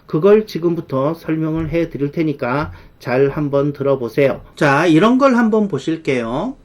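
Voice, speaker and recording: A man teaching an online English grammar lesson. He explains lively and slows right down to spell out the English example sentences. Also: on the high side.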